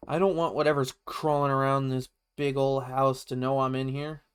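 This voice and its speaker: A man with a clear, smooth voice at a middling pitch plays a game on a live stream. He comments casually as he goes, with a wry, playful manner, sometimes reading text off the screen. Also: level tone, moderate pace.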